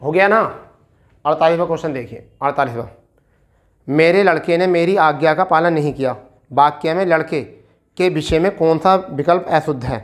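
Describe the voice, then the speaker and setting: Coaxing exam-prep teacher, fairly high voice. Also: male voice. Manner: coaxing, repeats "ठीक है" often; recites verse slowly and deliberately. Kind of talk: explaining a practice test.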